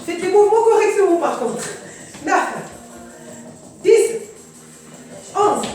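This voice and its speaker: A woman leading an aerobics class, counting repetitions aloud and calling out short, energetic, encouraging cues. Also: very high voice, takes it slowly. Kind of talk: group fitness coaching, counting repetitions aloud. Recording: echoey room, distant mic, music playing. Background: music.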